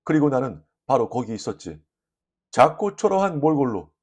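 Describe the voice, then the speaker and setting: A man reading a short story aloud as an audiobook narrator, lively and expressive, voicing the dialogue. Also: mid-range voice, normal speed.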